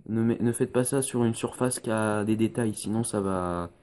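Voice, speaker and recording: Man, mellow-toned hobby painting tutor, halting and full of fillers, phone recording with faint hiss. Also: lowish voice. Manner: hesitant, many fillers, explains step by step.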